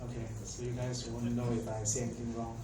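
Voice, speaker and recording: His mid-range voice is monotone and a touch fast as this young Malaysian tech conference speaker gives an easygoing talk. He rambles chattily with many fillers and keeps turning questions to the audience. Expect an echoey hall, a distant microphone, and faint background noise.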